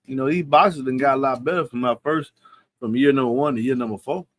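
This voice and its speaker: A man in his fifties hosts a casual live-stream Q&A, answering questions in a loose, slangy, confident manner. His voice sits at a medium pitch and he talks at a quick pace.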